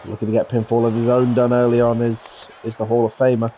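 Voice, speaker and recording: A man's voice: completely flat delivery, fast talker, dark tone, lo-fi sound, slight background noise. Giggly male game commentator. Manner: giggly, breaks into high laughter. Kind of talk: casual play-by-play commentary.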